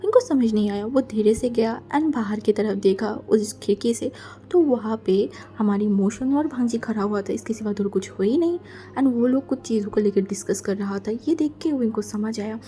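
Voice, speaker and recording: A woman's voice: a little high, moderate pace, dark tone. A woman narrating a fan fiction story in a chatty, casual way, mixing in English words. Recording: faint background music.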